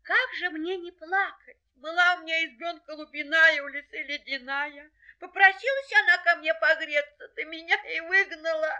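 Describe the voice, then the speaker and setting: A woman voicing a small, homeless hare boy who whimpers and cries in a high, tearful sing-song. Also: steady tone, moderate pace, few pauses, sharp tone, highs cut off, exaggerated voice. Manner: repeats his lament in a crying sing-song.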